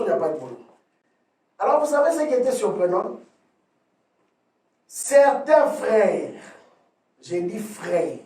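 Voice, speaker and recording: A man preaches a sermon with a high-pitched voice, swinging between loud emphatic phrases and quiet asides and repeating words as he restarts. The room is echoey, and he sounds set back from the microphone. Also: distant mic, slight background noise. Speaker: pastor. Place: church hall.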